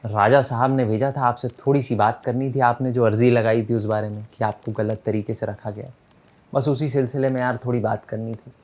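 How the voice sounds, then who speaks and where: A man voicing a smooth-talking male royal envoy who coaxes prisoners in a casual, friendly way. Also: mid-range voice, fairly even intonation, fairly quick, a little mellow, natural voice. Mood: coaxing. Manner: coaxing, casual, calls people friend.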